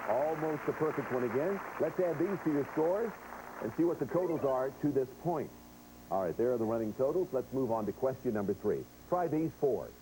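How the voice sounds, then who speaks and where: A man's voice: medium pitch, lively intonation, a little fast, noisy background. A man hosting a game show, chatting directly to players and viewers as he explains rules and reads quiz questions. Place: television studio.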